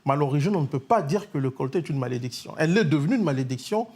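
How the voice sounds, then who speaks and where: Earnest man from Congo, slightly high voice. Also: expressive, very fast, a little mellow, breathy edge. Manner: earnest, repeats words as he thinks. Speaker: guest, investigative journalist. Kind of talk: studio interview.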